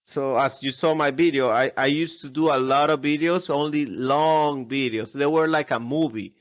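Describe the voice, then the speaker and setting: A man's voice: mid-range voice, fairly even intonation, moderate pace. A man chatting casually as a podcast guest in non-native English, often repeating words and restarting his phrases. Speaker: podcast guest, airsoft video creator. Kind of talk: casual interview chat.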